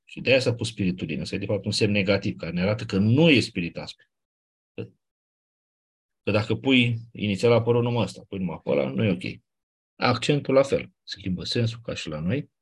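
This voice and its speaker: Husky-voiced man teaching a class. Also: fairly low pitch, animated. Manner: conversational, explaining step by step with quick asides. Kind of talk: classroom lecture.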